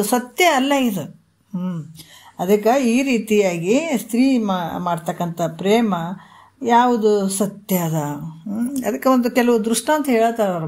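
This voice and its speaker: A woman's voice: mid-range voice, a little mellow. A woman gives an earnest religious discourse. She talks in a conversational way, asks rhetorical questions and tells parables. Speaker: spiritual discourse speaker.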